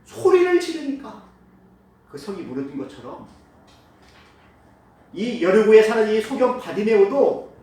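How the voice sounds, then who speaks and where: Emphatic preacher in an echoey church. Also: male voice, high-pitched, big pitch swings, a little slow, long pauses. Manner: emphatic preaching, swinging between loud calls and hushed asides. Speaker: pastor. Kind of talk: sermon. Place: church sanctuary. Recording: echoey hall, picked up from a distance.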